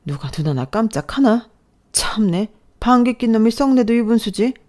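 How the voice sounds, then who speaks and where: A woman's voice: on the low side, expressive, normal speed, darkish tone, lightly acted. A woman voicing a snobbish, scornful older mother-in-law who scolds and belittles. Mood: scornful scolding. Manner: contemptuous, scolding.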